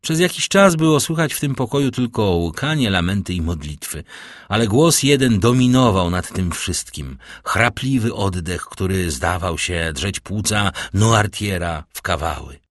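A man narrating a classic novel as an audiobook in a measured, dramatic reading. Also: deep voice, animated, dry recording, studio quality.

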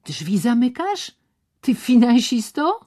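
A woman's voice: a little high, very animated, takes it slowly, dark tone, pitched above the performer's own voice, heavily acted. A woman voicing a defiant, scornful young woman who is trapped, in a spoken storybook reading.

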